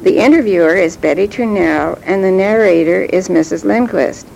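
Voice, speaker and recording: A woman interviewer giving a measured, formal introduction, heard on an old tape recording from the 1980s with faint hiss and low rumble. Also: vocal fry, dark tone, low-quality recording. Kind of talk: formal oral-history introduction.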